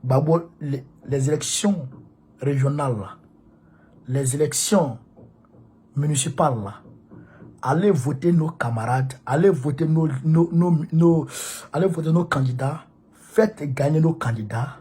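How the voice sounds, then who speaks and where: A political activist with a cold delivers an impassioned monologue to his supporters. His fairly high, warm voice is unhurried and pauses often, and his emphatic, repetitive style comes across as preachy. Slight background noise is audible.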